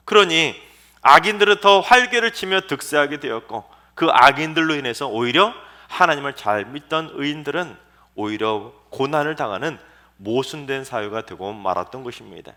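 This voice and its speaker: Animated male pastor preaching emphatically. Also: medium pitch, normal speed. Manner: emphatic, dramatic storytelling. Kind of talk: sermon.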